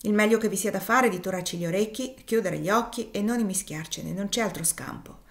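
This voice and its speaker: A woman voicing a worldly, jovial gentleman in a read-aloud novel, reasoning calmly and with irony. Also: mid-range voice, fairly quick, natural voice. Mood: resigned.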